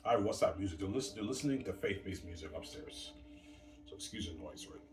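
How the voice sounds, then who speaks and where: A very low-voiced man in his thirties rambles casually from across an echoey room, his voice distant from the mic. He drifts between topics, curses freely and talks back at absent people. Household noise and faint music sit behind him. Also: expressive, a little fast. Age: 30s. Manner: meandering, casual, swears, argues with absent people. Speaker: vlogger. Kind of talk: late-night rambling monologue. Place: room at home, family upstairs.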